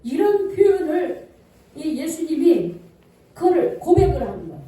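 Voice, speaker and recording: A woman's voice: high voice, sing-song, a little slow, warm tone. A woman pastor preaching a sermon in a church, putting questions to the congregation and answering them herself. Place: church sanctuary. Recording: echoey church hall, voice from far off.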